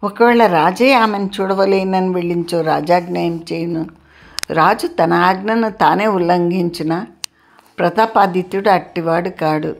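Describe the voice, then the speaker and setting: A woman reading a classic novel aloud in a steady, formal literary manner. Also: on the low side, unhurried, creaky, slight background noise. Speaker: audiobook narrator.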